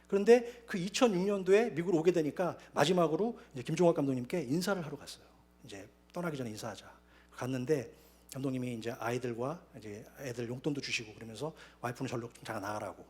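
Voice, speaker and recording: A male pastor preaching a sermon in quick, animated bursts. His pitch is a touch high and swings widely as he tells his story. He drops into quoted voices as the story goes. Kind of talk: sermon with personal testimony. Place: church sanctuary.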